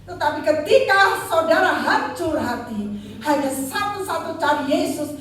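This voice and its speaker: A woman's voice: high voice, animated, unhurried, fairly bright tone, slight background noise. Older woman preaching in echoey hall. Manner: emphatic, calls audience "saudara". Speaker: evangelist. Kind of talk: sermon with personal testimony. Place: church hall. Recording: echoey hall from far off, faint ambience.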